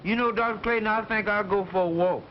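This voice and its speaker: An actor as a nervous, reluctant servant, the comic relief of a 1930s film. His voice is very high for a man. The recording is muffled and faintly noisy. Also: fast talker, lightly acted. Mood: nervous, evasive. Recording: muffled old film soundtrack.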